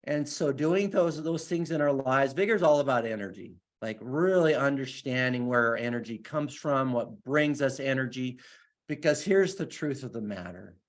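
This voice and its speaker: Guy giving a pep talk, earnest and eager, keeps restarting sentences, medium pitch. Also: lively intonation, moderate pace. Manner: earnest, enthusiastic, many restarts. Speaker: guest speaker. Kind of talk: motivational talk and Q&A.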